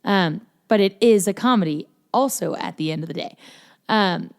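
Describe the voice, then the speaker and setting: A woman talks through a film on her casual review podcast, rambling with plenty of "um" and "anyways". Her voice is smooth and clear, sitting a little low for a woman. She sounds relaxed and a bit self-deprecating. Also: normal speed. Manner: chatty, filler-heavy, self-deprecating. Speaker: podcast host.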